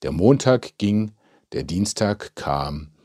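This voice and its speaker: A man narrating a humorous village story calmly, as in an audiobook. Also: low voice, slightly rough, no echo, clean studio sound. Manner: calm, measured storytelling.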